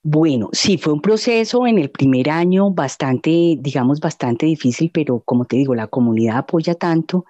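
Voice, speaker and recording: Middle-aged woman guest, earnest and reflective, dark mellow tone, dry dull recording. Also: deep voice, expressive, normal speed, few pauses, no room sound. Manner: earnest, reflective, with many fillers. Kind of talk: personal testimony interview.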